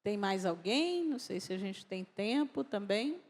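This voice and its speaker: Fielding audience questions off the cuff in a big festival lecture hall, this Brazilian woman writer speaks measuredly, pausing and restarting, with a Brazilian Portuguese accent. Her medium-pitched voice is animated and darkish in tone, and the hall adds long reverb.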